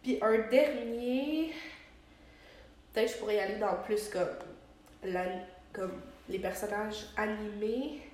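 A woman's voice: medium pitch, slow, a little mellow. Nasal young Quebec woman, very echoey room. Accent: Quebec French. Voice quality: nasal, stuffed-up with a head cold. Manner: slangy, mixing in English words. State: congested from a cold. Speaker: podcast co-host. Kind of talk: casual, giggly chat. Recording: very echoey room, background noise.

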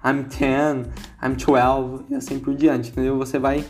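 A man's voice: medium pitch, little pitch movement, measured pace, a little mellow, soft background music. A man with a Brazilian accent giving a casual English lesson, chatty and repeating words aloud to show how they sound. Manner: chatty, repeats words to demonstrate pronunciation, asks "entendeu?". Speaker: English teacher.

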